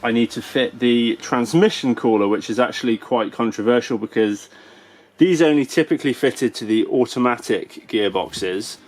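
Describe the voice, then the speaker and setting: A man's voice: mid-range voice, normal speed, darkish tone. A man narrating his car build in a garage workshop, matter-of-fact and a little self-deprecating. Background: music in the background.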